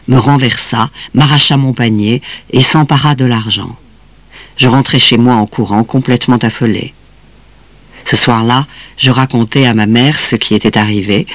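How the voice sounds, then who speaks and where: A man reading a children's story aloud in an expressive, measured way. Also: medium pitch, no room sound. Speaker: reader.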